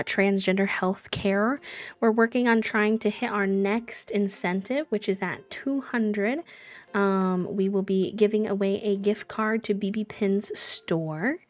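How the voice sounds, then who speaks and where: A woman livestreamer chatting casually while she plays a game. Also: medium pitch. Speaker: streamer hosting a charity gaming livestream. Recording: music behind the voice. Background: music.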